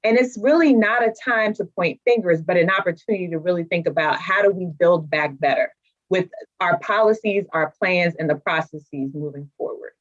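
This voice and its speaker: A woman's voice: fairly low pitch, moderate pace. A woman speaking as an expert guest, giving formal policy commentary in an interview, on dull lo-fi audio.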